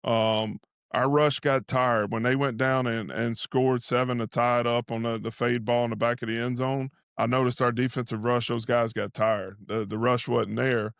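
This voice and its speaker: A man's voice: mid-range voice, little pitch movement, moderate pace, creaky, a bit bright, clean tone, no echo, clean studio sound. A man giving casual halftime football commentary as a host who talks like an invested fan of the team. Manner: speaks as an invested fan, saying "we". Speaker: sports show host and analyst.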